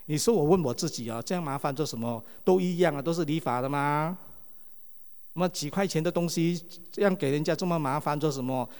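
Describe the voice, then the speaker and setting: A male pastor delivers a sermon in a raised voice, pitched a little high for a man. He keeps throwing questions at the congregation, and his voice rings with the long reverb of a church hall. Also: a little fast, clean tone. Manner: lively, asks the congregation many rhetorical questions.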